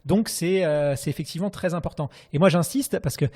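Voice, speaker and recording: A man hosting a relaxed podcast conversation. He talks fast in a mellow, darker tone and leans into questions and tips for listeners. His voice sits a little higher than most men's. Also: slightly rough. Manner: chatty, asks questions, gives listener advice. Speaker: podcast host.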